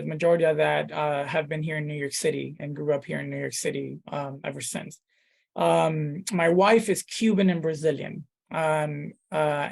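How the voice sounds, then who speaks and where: A man's voice: a little high, gravelly, darkish tone. A man in his thirties from the Dominican Republic, a pastor talking casually in an interview, thoughtful, with many fillers and restarts. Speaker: pastor, guest.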